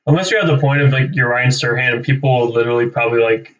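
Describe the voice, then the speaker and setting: On his live cold-calling stream, a young Canadian realtor rattles along rapid-fire in a mid-range, fairly bright voice. He chats casually and spontaneously, rambling, musing aloud and adding "right?" to his sentences, all captured by a distant, somewhat dull microphone.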